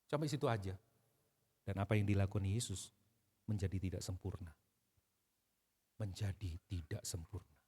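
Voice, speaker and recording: A male pastor, preaching a sermon in a conversational, animated way that builds into emphatic outbursts. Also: sits low, normal speed, long pauses, slightly rough. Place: church service. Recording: long reverb of a church hall.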